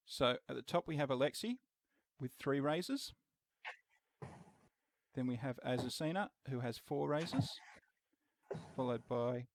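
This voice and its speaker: A man's voice: medium pitch, vocal fry, no echo. A man running a tabletop role-playing game as game master, patiently explaining the rules and laughing easily.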